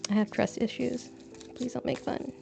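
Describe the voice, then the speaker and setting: A woman's voice: on the high side, steady tone, moderate pace, creaky. A young woman streaming from her balcony, chatting in a rambling, self-deprecating way as she plants seeds. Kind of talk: casual chat. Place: home balcony. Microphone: desk mic, braids brushing it. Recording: dull lo-fi sound with faint music.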